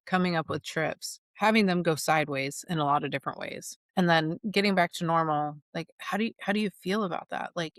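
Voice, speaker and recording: A woman's voice: lowish voice, a bit bright, no echo, studio quality. A young woman co-hosting a podcast in casual chat, rambling and earnest, often restarting mid-sentence. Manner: rambling, self-interrupting, earnest. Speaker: podcast co-host.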